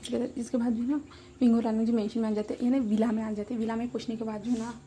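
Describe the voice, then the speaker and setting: Female storyteller, casual rambling recap, dark mellow voice, slightly high. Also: level tone, rapid-fire, slight background noise. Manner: rambling, many fillers.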